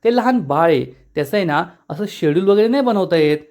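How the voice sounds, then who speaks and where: Chiding, talkative young woman scolding her boss, read by a high-voiced male narrator. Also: animated, brisk, darkish tone.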